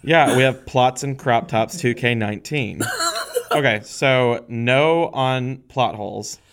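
A man's voice: mid-range voice, slow pace, a bit bright. A man co-hosting a comedy podcast in casual chat, playful and giggly. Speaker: podcast co-host.

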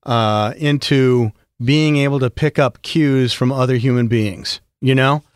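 A middle-aged man who voices for a living, talking as a podcast guest in an animated, storytelling way with frequent restarts. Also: medium pitch, unhurried, smooth, no echo, clean studio sound. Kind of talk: casual conversation.

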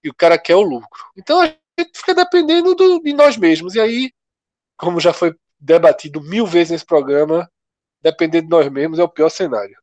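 A man from co-hosting a casual panel chat, talking in a loose, slangy, animated way. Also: fairly high pitch, moderate pace, no echo. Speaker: co-host.

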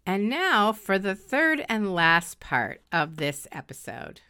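A woman's voice: medium pitch, big pitch swings, slow pace, pushed and bright, smooth, no echo, clean studio sound. A middle-aged woman hosting a show, telling personal stories directly to listeners. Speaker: host of a spiritual show.

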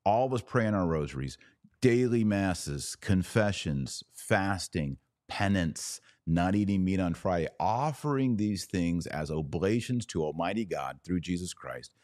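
This religious commentator and podcast host is an American man with a deep voice, addressing his live audience forcefully and repeating words for emphasis. His intonation is lively and his pace measured, with a slightly mellow tone. The audio is dry, with very little room in it.

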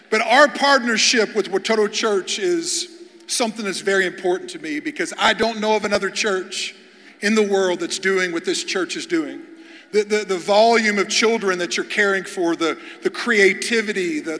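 High-voiced preacher in a reverberant hall. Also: male voice, pushed and bright. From Kentucky, USA. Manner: humorous, repeats words when starting sentences. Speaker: guest pastor. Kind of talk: storytelling sermon. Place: large church hall before an audience.

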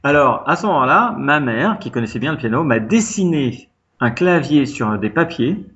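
A man's voice: mid-range voice, big pitch swings, normal speed, fairly bright tone, lo-fi sound. A man from France telling a long personal anecdote in a casual interview, chatty and full of fillers. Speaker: interview guest, pianist. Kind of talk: casual storytelling.

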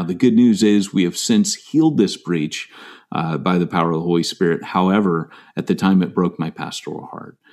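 A middle-aged American pastor tells his own story in an interview, earnest and self-deprecating, with many fillers and restarts. His voice is low-pitched and a little mellow.

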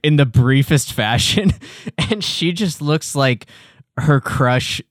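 A man's voice: fairly high pitch, takes it slowly, dry recording, clean studio sound. A man co-hosting a podcast in casual chat, laughing and swearing as he recaps an episode. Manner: laughing, swearing, loose and animated. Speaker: podcast co-host.

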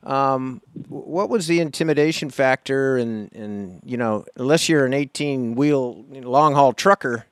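A man's voice: medium pitch, unhurried, few pauses, clean tone, no room sound, clean studio sound. A man co-hosting an interview, chatting and asking questions in a casual conversational style. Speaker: interview co-host.

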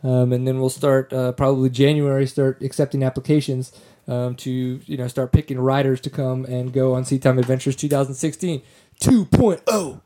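A man's voice: mid-range voice, little pitch movement, a little fast, hardly any pauses, mellow. A man hosting a casual podcast chat who rambles, restarts his phrases and laughs often. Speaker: podcast host.

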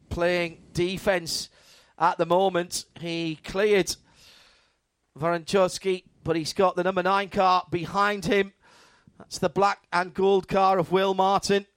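A man's voice: high voice, no room sound. A man giving live motorsport commentary as an enthusiastic, descriptive race commentator.

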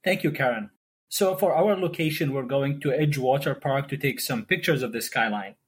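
A man's voice: mid-range voice, moderate pace, breathy edge. A man from Saudi Arabia, a cardiology fellow, giving a polite, formal self-introduction as a podcast guest.

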